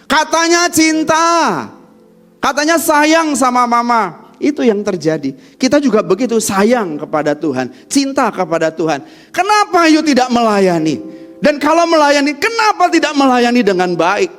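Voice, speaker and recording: A man preaching a church sermon, swinging from shouting to near-whispers and calling the congregation to answer amen. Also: very high-pitched, big pitch swings, normal speed, soft background music. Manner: asks the congregation questions and calls for amens. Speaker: pastor. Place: church during a Sunday service.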